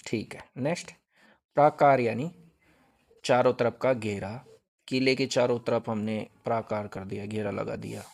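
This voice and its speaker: Gravelly-voiced man teaching by repetition. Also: mid-range voice, fairly even intonation, normal speed, a little mellow. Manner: repetitive, drilling with question-and-answer. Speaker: exam-prep teacher. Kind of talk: Hindi grammar lesson.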